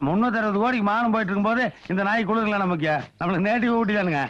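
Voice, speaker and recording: An actor playing a fast-talking, scheming male comic fixer in a film comedy scene, with cheeky, wheedling banter. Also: high-pitched, a bit bright, dry recording, muffled recording. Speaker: comic sidekick. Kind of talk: Tamil film comedy acting.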